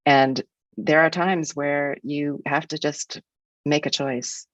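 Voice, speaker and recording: An American woman in her sixties speaks as a guest in an academic webinar, frank and reflective, sometimes restarting her sentences. Her voice is low and steady, her pace slow, and the recording has no echo.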